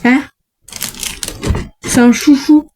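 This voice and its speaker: Young woman, high mellow voice, chatty unboxing vlogger who thinks aloud. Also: steady tone, extremely slow, a little hiss or hum, low-quality recording. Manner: chatty, self-talking, frequent restarts. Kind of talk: casual unboxing chat.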